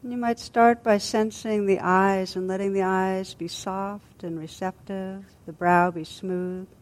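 A woman teacher leads a guided body scan meditation in a mid-pitched, flat voice. She speaks gently and soothingly, her unhurried phrases separated by long, restful pauses.

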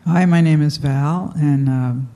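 Slow, gravelly man in reverberant room. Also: fairly high pitch, mellow. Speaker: retreat participant. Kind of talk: self-introduction in a group.

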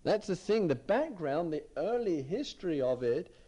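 A man's voice: a little high, sing-song, moderate pace, mellow, husky. A man giving a dharma talk as a meditation teacher, reflective, often repeating phrases as he searches for words.

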